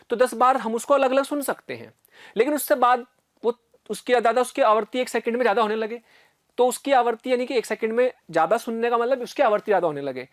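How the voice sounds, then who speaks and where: A man's voice: high voice, dry recording. Patient man teaching physics, dry sound. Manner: explains step by step and often checks in with "है ना" and "ठीक है"; repeats sounds aloud to demonstrate. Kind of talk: recorded classroom lecture.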